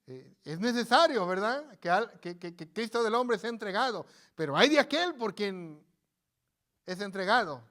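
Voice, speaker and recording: A man's voice: sits high, expressive, moderate pace, bright, forceful tone. A man preaching in a church, folksy and conversational, who often repeats himself and banters with his congregation. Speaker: pastor. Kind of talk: informal live sermon. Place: church sanctuary.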